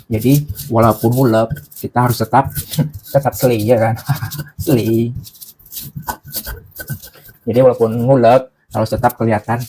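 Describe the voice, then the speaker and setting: Slow and flat, with frequent pauses, this man's mellow, mid-range voice comes through a clip-on mic with some hiss or hum. He hosts a laid-back cooking stream in a boarding-house room, joking and chatting with viewers' comments while a bit breathless from pounding spices.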